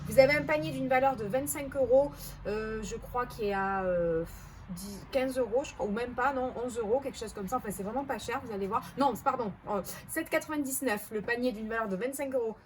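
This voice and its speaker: A vlogger with a Marseille French accent chats casually to camera while reviewing bargain hauls. Her voice is on the high side and fairly quick, hesitant, often correcting herself. Soft music plays in the background.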